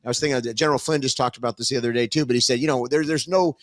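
A man's voice: mid-range voice, fairly even intonation, rapid-fire, no room sound. A man co-hosting a political talk show, explaining his views earnestly with frequent restarts. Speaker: co-host. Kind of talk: casual political commentary.

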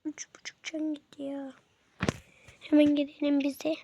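A high, girly gamer voice, as a man puts it on, excitable and quick to curse at the game. It chatters straight to viewers in loose gameplay commentary, with a faint hiss underneath. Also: gravelly. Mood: playful. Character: girly female voice put on by a male gamer. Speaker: gaming streamer.

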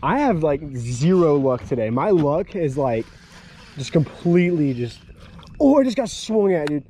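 A young man hosting a fishing vlog from a small boat on a lake, chattering excitedly into an action camera. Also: on the high side, a little slow. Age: young adult. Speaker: fishing channel host. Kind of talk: casual outdoor fishing vlog. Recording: outdoor boat audio with faint noise.

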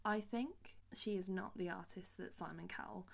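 A young woman, a singer-songwriter, ranting in a vlog, animated and exasperated, with her voice leaping up on outbursts. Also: mid-range voice, moderate pace, creaky.

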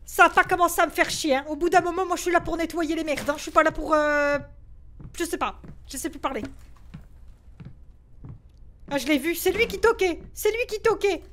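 A woman gives horror game commentary in a high, bright, sharp voice. She is jumpy, yelping and cursing whenever something startles her, and mutters to herself in nervous bursts. A faint hiss sits under her voice. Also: fairly quick, long pauses. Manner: jumpy, yelps and swears when startled. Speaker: gaming video creator.

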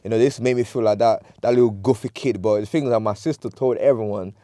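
Guy, low and dark voice, chill rambly storytelling, dry studio sound. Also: fast, no echo. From Nigeria. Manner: laid-back storytelling, lots of "you know". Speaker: guest artist. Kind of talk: casual interview chat. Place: small recording studio, seated on a sofa.

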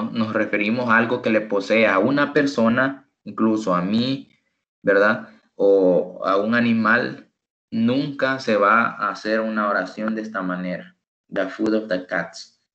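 A man tutoring an online English lesson in Spanish, who patiently repeats each example phrase slowly. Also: fairly low pitch, steady tone, fairly bright tone. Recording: echoey room, dull lo-fi sound.

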